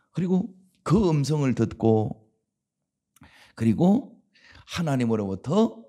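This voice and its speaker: This pastor, a man with a mellow, mid-range voice and a Gyeongsang Korean accent, delivers a dawn sermon. His style is conversational, and he puts rhetorical questions to the congregation.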